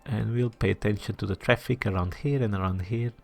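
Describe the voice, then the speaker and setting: A brisk, creaky, lowish voice carries this gaming host's let's-play commentary as he builds a city, over soft background music. He talks through his thinking, mutters to himself, and now and then goes to a whisper. He's chatty with viewers and often knocks himself down a peg.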